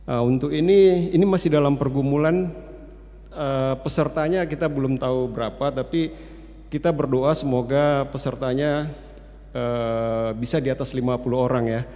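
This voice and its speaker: A man of about sixty giving church announcements in a relaxed, chatty way, with many hesitant fillers. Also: medium pitch, moderate pace. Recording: long reverb of a church hall.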